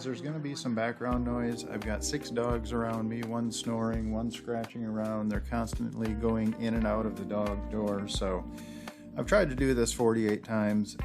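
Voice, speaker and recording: Rambling man narrating his sailing vlog. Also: fairly low pitch. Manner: chatty, rambling, self-deprecating with many fillers. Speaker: sailing channel host. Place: house full of dogs.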